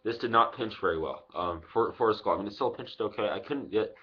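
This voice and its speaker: A man in his twenties speaks in a fairly low voice with his lip packed full of dip. He rambles casually and swears freely, as in a homemade product review. The sound is slightly dull and lo-fi, picked up by a webcam microphone. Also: fast, breathy edge. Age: 20s. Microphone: webcam microphone at arm's length.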